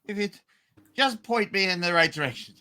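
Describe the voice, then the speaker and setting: A man's voice: sits high, normal speed, bright, forceful tone. A man playing a jolly, scatterbrained, tipsy old uncle in a hammed-up play reading, rambling and exclaiming.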